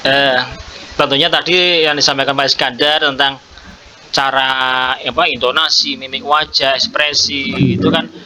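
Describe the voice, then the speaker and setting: A man's voice: mid-range voice, fairly even intonation, moderate pace, pushed and bright, slight background noise. A man, coaching a fellow teacher in a hesitant, encouraging way, with many fillers. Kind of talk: coaching conversation practice.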